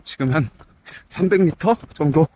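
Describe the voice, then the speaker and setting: A man's voice: fairly high pitch, normal speed, mellow, slight background noise. A middle-aged man chats casually to his vlog while running outdoors, slightly out of breath. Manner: talking while running, effortful. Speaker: running vlogger. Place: outdoors on a waterside running path.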